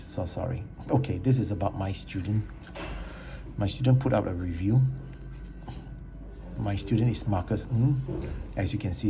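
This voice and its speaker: A man's voice: on the low side, vocal fry, poor audio. A man giving an indignant, emphatic rant as he reads online posts and reviews aloud, often repeating words as he gets worked up. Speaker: vlogger. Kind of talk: ranting commentary reading online posts aloud.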